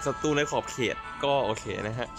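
A young man hosting a gaming channel, commenting on a gacha game in a casual, excitable way, with frequent exclamations and polite sentence endings. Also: normal speed. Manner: polite, ends lines with formal particles. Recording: game music playing behind.

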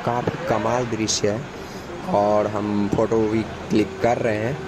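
A man's voice: on the low side, flat delivery, a little slow. A man narrating a casual travel vlog from inside a moving bus, chatting to viewers about the mountain scenery. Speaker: travel vlogger. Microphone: handheld camera by the bus window. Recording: clear vehicle noise behind. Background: bus engine and road noise.

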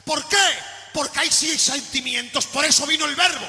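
A man from Spain preaching a sermon in a church, shouting at his peaks and dropping low in between. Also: fairly quick. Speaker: pastor. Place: church hall. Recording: echoey church hall recording with faint music.

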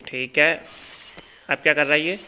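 A man giving excited live commentary as he calls out a boss's moves and talks to his character. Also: fairly high pitch, moderate pace, smooth. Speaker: gaming channel host.

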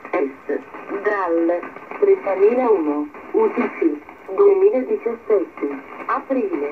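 A woman reads a scripted nautical safety broadcast over shortwave radio in a halting, word-by-word automated manner. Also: medium pitch. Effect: shortwave radio transmission. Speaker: coastal radio announcer. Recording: noisy narrow-band shortwave radio reception.

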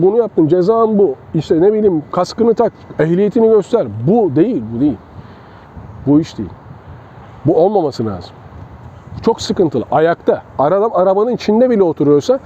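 A man's voice: high voice, mellow. A man, a self-defense instructor talking casually to his students while he demonstrates moves with a partner. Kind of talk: casual outdoor training demonstration. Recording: dull lo-fi outdoor sound with faint traffic.

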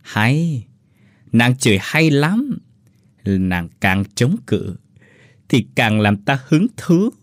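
A man's voice: medium pitch, sing-song, very slow, long pauses, dry recording, studio quality. A man voicing a lecherous, cowardly middle-aged official who leers and stammers in a horror audiobook. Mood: leering. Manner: leering, then stammering.

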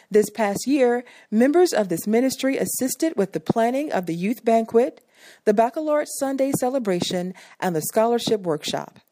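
A woman reading a scripted voice-over narration for a church video in a measured, formal way. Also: mid-range voice, warm tone, no room sound.

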